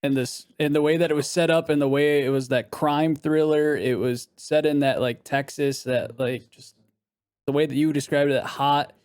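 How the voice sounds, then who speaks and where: A man's voice: a little high, steady tone, normal speed, darkish tone, smooth, dry recording. A man co-hosting a podcast, talking casually and reflectively about films. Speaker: podcast co-host. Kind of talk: casual film discussion.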